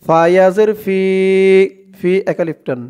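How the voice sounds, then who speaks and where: A man's voice: high-pitched, mellow, clear, resonant tone. A man teaching a prayer, spelling it out syllable by syllable and chanting the words drawn out, with a Bangladeshi accent. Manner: drawn-out chanting of Arabic words between quick Bengali explanations. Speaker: Quran and dua teacher.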